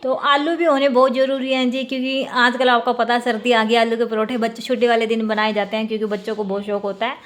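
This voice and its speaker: A woman's voice: on the high side, little pitch movement, fast talker, few pauses. A woman in her thirties chatting to viewers as she does household chores in a casual family vlog. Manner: chatty, showing chores while talking to viewers; laughs often while talking. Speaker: family vlogger. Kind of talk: casual home vlog narration.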